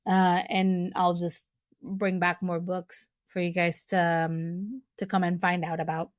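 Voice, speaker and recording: Her pitch is fairly low and her delivery flat and unhurried as this young Portuguese woman hosts her podcast, casually but earnestly recommending books with fillers and restarts. The recording is dry with clean studio sound.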